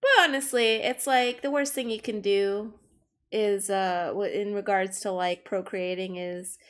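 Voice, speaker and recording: A woman's voice: mid-range voice, fairly even intonation, a little slow. A young adult woman streaming while she draws, chatting frankly and casually, swearing freely and laughing often. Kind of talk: casual chat while drawing.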